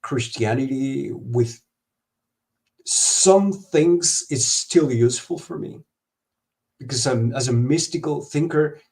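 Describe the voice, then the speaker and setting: A man from Honduras, speaking as a guest in a live video-call interview, talking haltingly with many fillers and restarts. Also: mid-range voice, creaky, darkish tone.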